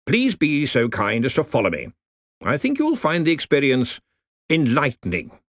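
A bluff, commanding old wizard who runs a university, as a man puts him on. He speaks in a pompous, hearty manner with a lively lilt. The sound is dry and close. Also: mid-range voice, normal speed, no echo, voice pushed up.

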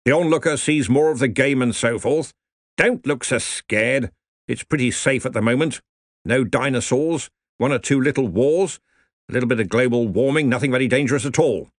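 A man's voice: mid-range voice, normal speed, no room sound, studio quality, voice pushed up, close to an everyday voice. A man doing a bluff, bossy old wizard chief. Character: bluff, commanding old male wizard head of a university.

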